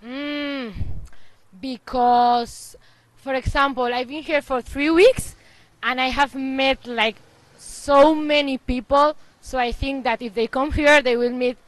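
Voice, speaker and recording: A woman's voice: high voice, steady tone, slow pace, no room sound, rough recording. A young woman from the Basque Country in Spain, answering interview questions casually on a handheld mic indoors. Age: young adult. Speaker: staff member interviewed. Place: indoor hostel reception.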